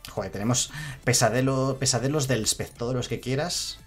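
A man's voice: mid-range voice, normal speed, breathy edge, soft background music. A man streaming a card game, chatting casually, reading chat aloud and laughing often. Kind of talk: casual live-stream commentary.

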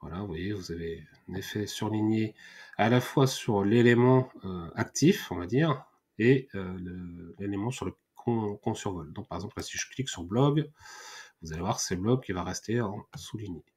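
Male tutorial host, lower pitch, hesitant thinking-aloud delivery, keyboard clicks in background. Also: normal speed, a little mellow, slightly rough. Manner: hesitant, many fillers and restarts, thinking aloud. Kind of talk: screen-recorded software tutorial. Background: mouse clicks and typing.

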